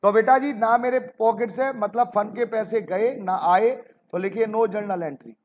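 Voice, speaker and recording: A man's voice: high voice, steady tone, measured pace, a little hiss or hum. A man teaching an accounting lesson, fondly calling students "beta ji" and asking rhetorical questions.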